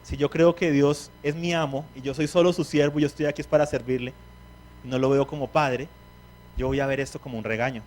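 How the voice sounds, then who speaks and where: A man's voice: mid-range voice, fairly even intonation, a little fast, darkish tone. A man preaching a sermon, who asks the congregation questions and acts out the words of biblical figures.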